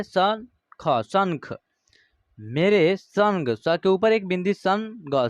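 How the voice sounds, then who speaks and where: A man teaching Hindi reading online. He sounds out words syllable by syllable and then explains the rule in quick bursts. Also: sits high, no room sound, highs cut off. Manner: addresses viewers as friends.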